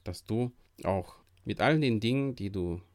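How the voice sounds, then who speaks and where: A man with a lowish voice talks earnestly on his devotional podcast, encouraging listeners like a preacher. The sound is dry and close, with no room around it. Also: measured pace, no echo. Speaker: podcast host.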